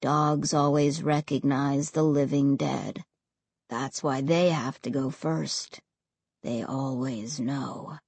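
A woman voicing a sad undead boy who speaks slowly in a low, flat tone. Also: breathy edge, dry recording, exaggerated voice. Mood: grim, flat.

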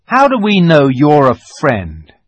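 A man's voice: fairly high pitch, wildly swooping pitch, measured pace, dry recording, highs cut off, pitched above the performer's own voice, exaggerated voice. Doubting boy done by a male reader, skeptical, pushy questions, raised voice. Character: doubtful boy, suspicious and sulky. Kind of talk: storybook reading.

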